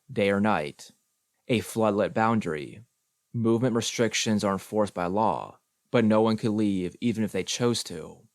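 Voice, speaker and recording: Male audiobook reader, slow deliberate reading, lowish voice, dry close recording. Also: dry recording.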